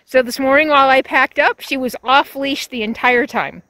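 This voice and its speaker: Filming on a phone held at arm's length, a fifties-aged RV travel vlogger chats to camera and coos to her dog, both outdoors in the windy high desert and inside her RV. She speaks at a moderate pace in a high, pushed, bright voice with no room sound.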